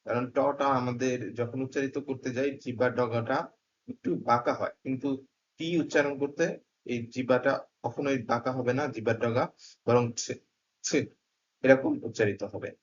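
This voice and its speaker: A man gives a careful pronunciation lesson, pausing on each sound and example word. His pitch sits in a middle range. The recording is dull and slightly lo-fi. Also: fairly even intonation. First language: Bengali. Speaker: English pronunciation teacher. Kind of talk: slow, deliberate pronunciation lesson.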